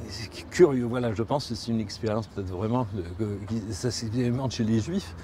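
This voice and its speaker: This man, whose first language is Spanish, gives a reflective documentary interview, halting and thoughtful as he repeats himself and rephrases to find the right words. His voice is on the low side, and there is background noise.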